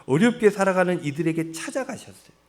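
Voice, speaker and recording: Korean pastor with a lively pitch. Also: male voice, quick pace. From Seoul, South Korea. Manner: conversational, asks the congregation questions and answers them, laughs at his own jokes. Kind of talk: sermon.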